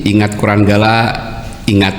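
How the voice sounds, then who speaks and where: A man's voice: lowish voice, level tone, moderate pace. A man with a Sundanese accent hosting a casual interview, joking and laughing easily. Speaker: talk show host. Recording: echoey room with long reverb, background hiss.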